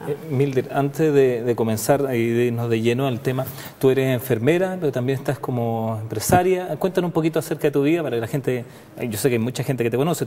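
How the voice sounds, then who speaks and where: A man hosting a faith program, speaking slowly and searching for words with restarts. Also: mid-range voice, warm tone, in a large hall. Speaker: host.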